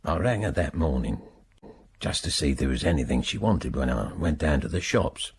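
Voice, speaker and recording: A bitter released prisoner. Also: male voice, very deep voice, expressive, moderate pace, husky, heavily acted. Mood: recounting. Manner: resentful, grumbling. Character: bitter middle-aged man just freed from prison. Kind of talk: radio drama acting.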